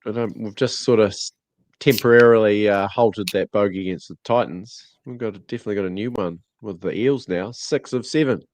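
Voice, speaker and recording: A very low-voiced man talks through a podcast, his voice nasal and stuffy from a cold. He is measured and quotes stats. The sound is close and dry. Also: a little mellow, dry recording. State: has a cold. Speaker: podcast co-host. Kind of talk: casual chat.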